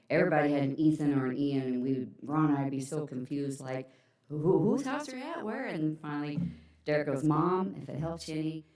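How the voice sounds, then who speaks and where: A woman's voice: rumbling low, dark tone. A middle-aged woman giving a chatty, rambling memorial speech full of ums and personal stories. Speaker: eulogy speaker, friend's mother. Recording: echoey hall, mic far off.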